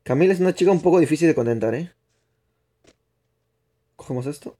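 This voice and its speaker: A man's voice: a little high, expressive, fairly quick, mellow. A young man with a put-on Spain Spanish accent, chatting with viewers and rambling through his explanations while he streams a game live. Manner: chatty, answers viewers' chat while playing, rambling restarts. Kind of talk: live gaming stream commentary.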